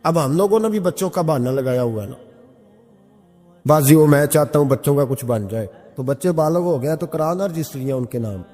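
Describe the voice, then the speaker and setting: A man's voice: fairly high pitch, animated, dark tone. A male preacher giving an impassioned sermon full of rhetorical questions. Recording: long hall reverb with music.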